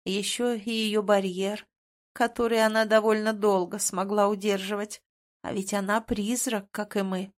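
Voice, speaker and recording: Doting ghost granny played by a woman in an audiobook, sing-song and sweet, lifts her voice high when admiring. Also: level tone, normal speed, natural voice. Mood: tender. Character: tender, doting ghost grandmother, a former queen. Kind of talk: audiobook character reading.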